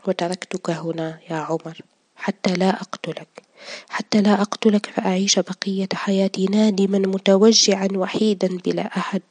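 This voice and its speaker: A woman's voice: on the low side, darkish tone, slightly rough, no echo. A woman voicing a grieving, remorseful middle-aged father who speaks in a choked, partly whispered voice.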